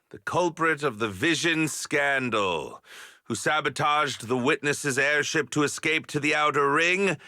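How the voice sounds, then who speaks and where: A man's voice: fairly high pitch, sharp tone, no room sound, clean studio sound, full character voice. A male actor playing a smug, theatrical police commander in a video game, pompous and declamatory.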